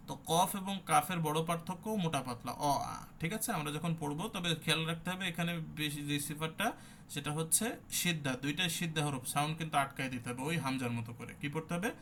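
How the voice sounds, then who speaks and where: A man's voice: on the high side, bright, forceful tone, slight background noise. A man teaching an online Quran recitation class, explaining letter sounds and demonstrating each one.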